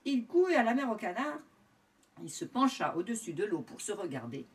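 A woman reading a storybook aloud to young children, expressive and sing-song. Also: medium pitch, normal speed, recorded from a distance.

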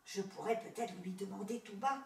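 Old widow mother, shrill panicked cries, storybook voice by a woman reader, distant roomy mic. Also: moderate pace, natural voice. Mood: murmuring. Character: elderly widowed mother, greedy then panicked.

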